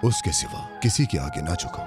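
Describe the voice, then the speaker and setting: A man's voice: low voice, expressive, moderate pace, over music. An actor dubbing a defiant young man who mocks a stone idol and speaks earnestly about one God, in a dubbed film. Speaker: young man rejecting idols. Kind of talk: Urdu dubbed film acting.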